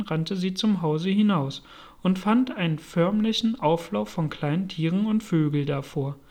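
A man narrating a storybook as an audiobook reader, in an even, measured way. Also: high voice.

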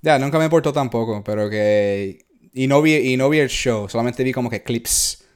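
Smooth and mid-range, this male voice moves at a normal pace. He's a podcast co-host with a Puerto Rican Spanish accent, keeping the chat easygoing and slangy and mixing in bits of English.

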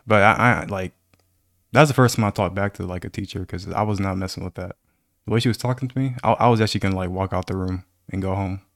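A man telling a story in casual chat, animated and slangy, given to mock-accusatory teasing. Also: low-pitched, fast, no room sound, clean studio sound.

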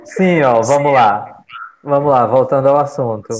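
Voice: mid-range voice, steady tone, normal speed, a little hiss or hum, poor audio. An English teacher with a Brazilian accent, explaining a grammar point in an online class and patiently repeating examples. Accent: Brazilian Portuguese. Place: online video call.

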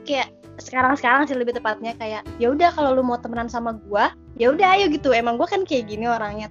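A woman's voice: high-pitched, highs cut off. A young woman co-hosting a casual podcast chat, talkative and self-mocking, laughing often. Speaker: podcast co-host.

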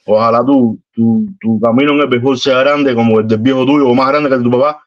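A man with a Cuban accent speaking earnestly and warmly in a casual chat, often ending lines with a questioning tag. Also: mid-range voice, steady tone, a little fast. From Cuba. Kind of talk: casual heartfelt conversation. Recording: dull lo-fi line.

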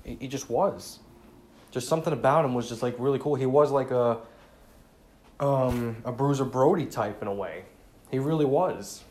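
A man's voice: mid-range voice, normal speed, a little mellow. Subdued man rambling in casual talk. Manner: rambling, sincere, many fillers and restarts. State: saddened, subdued. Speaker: podcast host. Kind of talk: casual solo tribute talk.

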